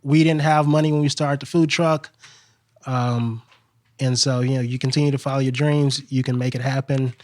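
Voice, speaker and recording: A man from Texas, a restaurant co-owner, talking in a relaxed, earnest way on a podcast and repeating himself as he goes. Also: medium pitch, moderate pace, no room sound. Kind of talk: casual podcast chat.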